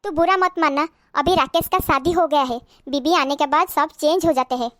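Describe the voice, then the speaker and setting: A woman voicing a caring, worried middle-aged mother-in-law who gives gentle advice. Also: high-pitched, moderate pace. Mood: advising. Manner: gentle advising.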